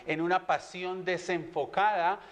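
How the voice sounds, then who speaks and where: A man's voice: high-pitched, steady tone, unhurried. A man working as interpreter, reading scripture aloud and echoing a teacher phrase by phrase. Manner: reads aloud, then echoes the teacher phrase by phrase. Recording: reverberant hall.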